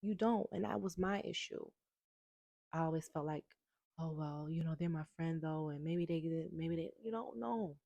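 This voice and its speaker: A woman's voice: sits low, normal speed, creaky, mellow, dry recording, muffled recording. A woman in a personal vlog about healing and boundaries, talking emphatically, swearing freely and repeating her points with rising heat. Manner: emphatic, swears freely, builds to heated repetition. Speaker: vlogger.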